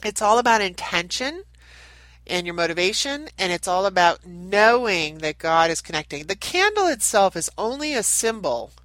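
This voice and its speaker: A woman who hosts a channel and reads cards gives a casual spiritual talk to camera, her nasal voice still recovering from a head cold. She speaks at normal speed in a mid-range, sing-song, slightly bright tone, meandering and chatty with many restarts. There's no echo, but the recording is low quality.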